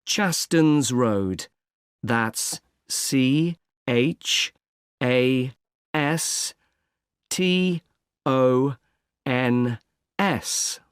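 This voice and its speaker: A man plays a helpful recruitment agent who talks in a measured, careful way, with a mid-range voice. He spells names out slowly. The recording is dry and close. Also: mid-range voice, animated, dry recording, lightly acted. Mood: calm. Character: helpful male recruitment agent, patient and polite. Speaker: employment agency consultant. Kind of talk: scripted exam dialogue.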